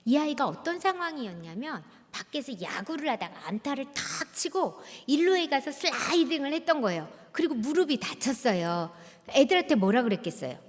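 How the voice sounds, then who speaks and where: Animated woman lecturer in a church hall. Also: high voice, fairly quick. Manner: animated, asks the audience questions. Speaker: guest lecturer at a church prayer meeting. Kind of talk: lively lecture with acted-out dialogues.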